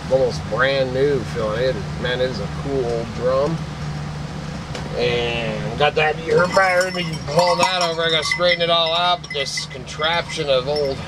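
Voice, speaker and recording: Showing his thrift finds to a desk webcam inside a cluttered shop, this fortysomething Idaho antique picker rambles on sentimentally in casual talk to camera. His voice sits on the high side at a moderate pace, and the recording is very noisy.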